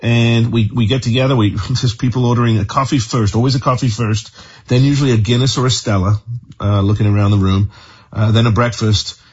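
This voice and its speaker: A man's voice: medium pitch, steady tone, darkish tone, breathy edge, muffled recording. An enthusiastic man in his fifties from northern England with an English accent, talking about his supporters club in an interview. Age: 50s. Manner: enthusiastic, rapid and chatty. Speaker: football supporters club member. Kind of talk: interview answers.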